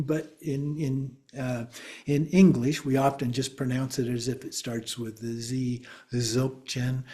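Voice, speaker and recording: Slow, mellow-voiced man teaching a class. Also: a little high. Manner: patient, explaining step by step, checks in with "okay?". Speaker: Buddhist teacher. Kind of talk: class lecture on pronunciation.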